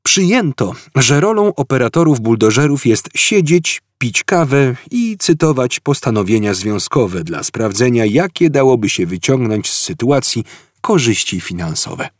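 A man narrating an audiobook with expressive, dryly ironic storytelling. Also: mid-range voice, a little slow, dry recording, clean studio sound. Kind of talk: scripted narration.

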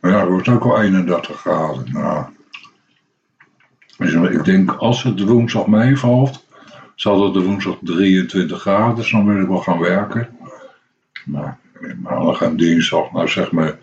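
A middle-aged man chats casually as a radio host, drifting through a story with frequent hesitations. His voice sits a little low. The recording sounds dull and lo-fi with faint background noise. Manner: rambling storyteller, many hesitations and restarts. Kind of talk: casual anecdotal radio chat.

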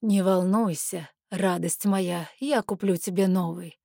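Doting elf husband in an audiobook, a woman reader doing him low, slow and purring. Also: steady tone, creaky, no room sound, studio quality. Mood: soothing. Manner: soft, purring, soothing.

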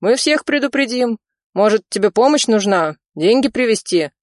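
A woman voicing a loyal male cousin who reassures eagerly over the phone, raising her pitch. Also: lively intonation, moderate pace, dry recording, studio quality, natural voice. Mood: reassuring.

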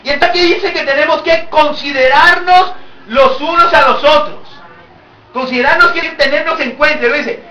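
A man preaching a lively sermon to his congregation, joking with them and rising to shouts. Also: very high-pitched, a little hiss or hum. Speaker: pastor. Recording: echoey church hall, from far off.

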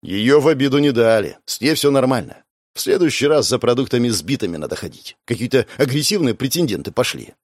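A man's voice: mid-range voice, animated, a little fast, no room sound, studio quality, lightly acted. A man voicing a battered, grumbling crewman. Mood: reproachful. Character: battered, reproachful male ship crewman.

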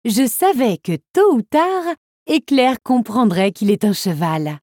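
A woman voicing a cheerful, caring young princess in a bright, lively way. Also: fairly high pitch, slow, no echo, studio quality. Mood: warm.

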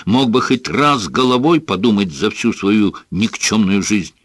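A man's voice: fairly low pitch, a little slow, dry recording, studio quality. A man voicing an enraged bullying father. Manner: shouting, scornful. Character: furious bullying middle-aged father. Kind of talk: audiobook character voice.

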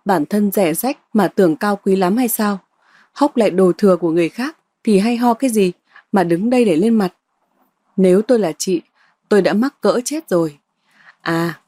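A woman reading a bold sharp-tongued young woman. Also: mid-range voice, dry recording, natural voice. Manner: cutting, scornful retorts.

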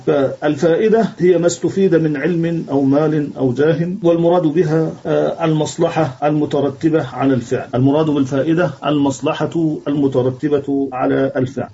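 A man's voice: a little high, mellow. Man teaching grammar over a dull call. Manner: explains slowly, repeating phrases and reading text aloud. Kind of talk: online grammar lesson. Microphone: video call. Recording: dull lo-fi online call audio.

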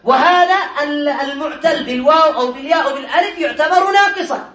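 A man teaching a grammar class, questioning his students by name in a brisk, teasing way. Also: extremely high pitch, a bit bright. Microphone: distant room mic. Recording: echoey classroom, voice from far off.

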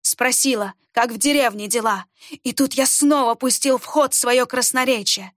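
A woman's voice: a little high, moderate pace, fairly bright tone, no room sound, lightly acted. A woman doing a sly male schemer, glib and boastful, storybook, dry close sound.

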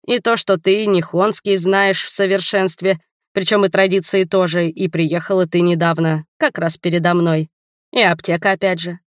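A woman voicing a drowsy, teasing young male spy in an audiobook, speaking low-key and unhurried. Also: steady tone, no echo, studio quality, lightly acted.

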